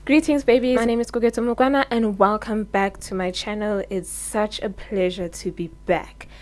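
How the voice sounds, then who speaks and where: A woman's voice: medium pitch, steady tone, normal speed, a little mellow, low-quality recording. A woman in her early twenties with a South African accent, talking candidly and earnestly in a sit-down advice vlog on her own microphone. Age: early 20s. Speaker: vlogger. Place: indoors, seated. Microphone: own microphone with popping.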